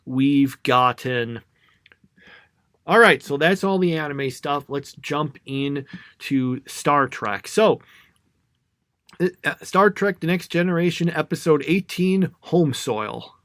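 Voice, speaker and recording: A man's voice: fairly high pitch, slow, a bit bright, dry recording. Rambling man on a dry podcast mic. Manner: rambling, self-doubting, thinks aloud with fillers. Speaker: podcast co-host. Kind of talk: casual podcast chat.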